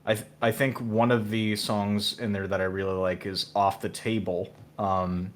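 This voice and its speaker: A male guest musician in casual interview chat, hesitant with many fillers and restarts, with dry, low-key humor. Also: little pitch movement, moderate pace.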